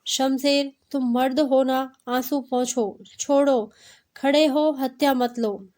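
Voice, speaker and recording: A woman's voice: sits high, steady tone, slow, darkish tone. A woman reading the lines of a stern, fatherly army colonel in a storybook tale. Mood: admonishing.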